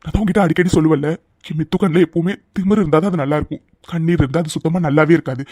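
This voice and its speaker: A devoted young man, voiced by a man, pleads and insists at a rapid clip. His lines in this cartoon dub come out dry and close, with no room sound around them. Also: on the high side, steady tone, a little mellow, no room sound, natural voice. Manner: pleading and insistent, speaks fast. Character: devoted, protective young man, fiery in love.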